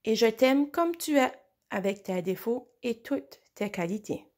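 A woman's voice: fairly high pitch, animated, unhurried, darkish tone. Louve, a brave young she-wolf, voiced by a woman. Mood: tender.

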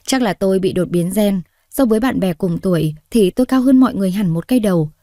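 A woman storyteller reading a story aloud in a steady, expressive way. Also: mid-range voice, quick pace, no echo, clean studio sound. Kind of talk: scripted story narration.

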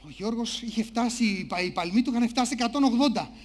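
A male speaker on a conference stage, telling a story in an animated, theatrical way. His voice sits on the high side for a man, and he switches between a low, hushed tone and bursts of volume as he acts out scenes. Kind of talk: live storytelling talk.

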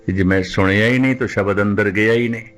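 Man, preacher, low voice, sermon with recited verses, faint background music. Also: steady tone, a bit bright. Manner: slows down to recite scripture lines, rhetorical questions. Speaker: Sikh preacher giving katha.

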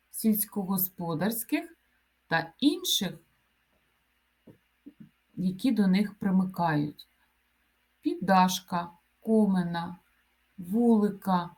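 Woman teacher, grammar lesson; unhurried, measured word-by-word delivery. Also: mid-range voice, a little mellow. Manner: slow, deliberate dictation-like delivery. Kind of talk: grammar lesson, reading example word lists.

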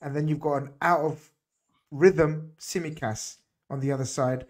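A man's voice: fairly high pitch, steady tone, measured pace. Emphatic middle-aged man on football. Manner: emphatic, repeats words for stress. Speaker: host. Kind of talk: casual football chat. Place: home room, video call. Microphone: desk mic on video call.

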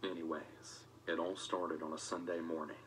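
A man reading a first-person scripted story in a matter-of-fact way, as narrator of an animated video. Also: low-pitched, normal speed, noisy background. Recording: music playing under the voice.

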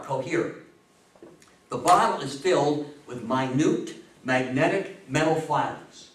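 Speaking on the high side, a lecturer in his fifties delivers a lively history talk to a live audience seated in an indoor meeting room. He's emphatic and theatrical, pausing dramatically, and a distant camera mic captures him with lots of room echo.

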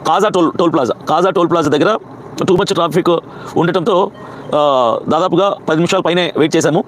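A pastor with a Telugu accent tells his story at a breakneck pace. His voice sits high and keeps pressing forward, agitated. Faint street traffic hums behind him outdoors. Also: steady tone. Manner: rapid, agitated storytelling with acted quotes. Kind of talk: recounting a personal incident.

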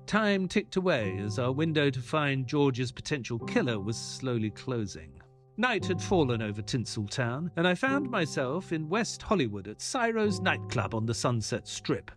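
Actor as Doctor Watson, animated narrator. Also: male voice, mid-range voice, lightly acted. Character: Doctor Watson, measured British gentleman sidekick and narrator. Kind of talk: scripted audio drama narration. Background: music.

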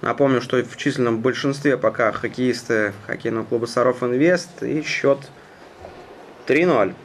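A man giving live hockey play-by-play in a measured, conversational manner. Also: medium pitch. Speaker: hockey commentator. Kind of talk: live sports play-by-play commentary. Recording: noisy ice rink ambience. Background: arena noise.

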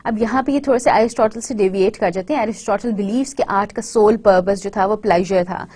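In this recorded university lecture, a woman with a medium, somewhat mellow voice alternates between English and Hindi-Urdu. She lingers over her English in slow, careful phrases but speeds through the Hindi-Urdu, frequently checking whether her students are keeping up.

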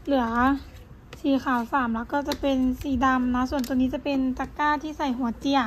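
A woman's voice: high voice, fairly even intonation, brisk. A woman who owns a nail salon, chatting casually to viewers in a vlog while showing her shop and purchases. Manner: chatty, gushing, addresses viewers as everyone. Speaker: nail salon owner vlogger. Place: small nail salon, indoors. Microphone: handheld phone camera. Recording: phone vlog with rain noise. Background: rain.

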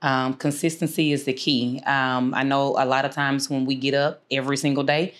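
A woman in her thirties from Houston, a business owner talking through her career as an interview guest, unhurried and full of fillers. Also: a bass voice, flat delivery. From Houston, Texas. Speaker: guest, insurance agency owner. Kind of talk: casual interview. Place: small studio room, seated.

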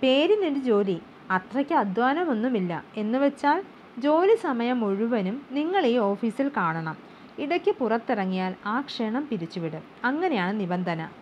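A woman voicing a shrewd, smooth-talking male manager, measured and businesslike, in a storybook reading. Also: fairly high pitch, big pitch swings, a little mellow. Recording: slightly dull with faint hum.

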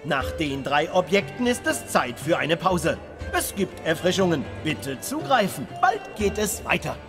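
An actor playing a showy, courteous auctioneer in a fantasy game, calling bids with formal theatrical patter. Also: male voice, a little high, sing-song, measured pace, over music. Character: showy, courteous male auctioneer addressing genteel guests.

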